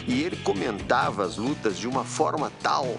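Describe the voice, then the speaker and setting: A man's voice: mid-range voice, animated, normal speed, creaky, over music. A man reminiscing in a documentary interview, explaining things and often checking with tag questions.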